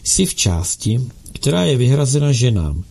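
A man's voice: medium pitch, big pitch swings, vocal fry, a little mellow, breathy edge, full character voice. A man voicing a bold, playful young noble girl who teases in a pert way. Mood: teasing. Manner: pert, teasing.

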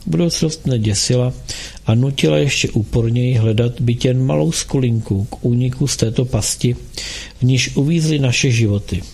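A man reads a first-person audiobook narration in a slow, somber and measured way. His voice has a gravelly edge and a husky, unclear texture. The delivery stays even and grave. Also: mid-range voice. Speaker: audiobook reader.

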